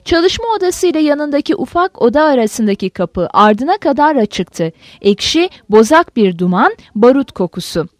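A woman gives an expressive audiobook reading of a novel, her high voice rising and falling widely. The sound is dry and close to the mic, with no room around it. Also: normal speed, few pauses, no room sound. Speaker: narrator.

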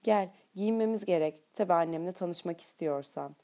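A woman voicing a confident, commanding young man in an audiobook, speaking in a low, intimate murmur. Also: normal speed, dark tone, close to an everyday voice. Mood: insistent.

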